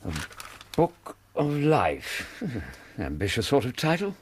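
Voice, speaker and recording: An actor playing a courteous but sceptical Victorian English doctor, easily exasperated, in a radio drama. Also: male voice, medium pitch, takes it slowly, husky, heavily acted. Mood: scornful. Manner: well-mannered, expressive, indignant when provoked.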